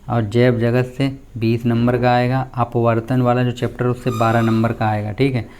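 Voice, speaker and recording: A man's voice: mid-range voice, darkish tone, clear, resonant tone. A man, a teacher explaining a school syllabus to students and often checking in with them as he goes. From India. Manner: plain explaining tone with frequent check-ins.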